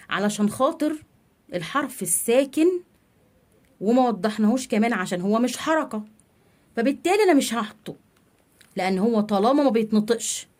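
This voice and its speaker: A woman with an Egyptian Arabic accent leads a children's reading lesson. Her voice sits a little high, and she asks questions and answers them herself, drawing out syllables slowly. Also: a little mellow. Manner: explains in a question-and-answer way, stretching out sounds and syllables. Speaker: teacher.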